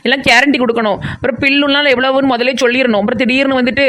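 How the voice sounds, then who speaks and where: Woman doing a rapid-fire nosy village aunty from the far south of tamil nadu, rambling and teasing nonstop. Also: sits high, steady tone, fairly bright tone. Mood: chattering. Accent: southern Tamil Nadu (Kanyakumari–Tirunelveli). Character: chatty nosy village woman, blunt and comic. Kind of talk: cartoon comedy voice acting.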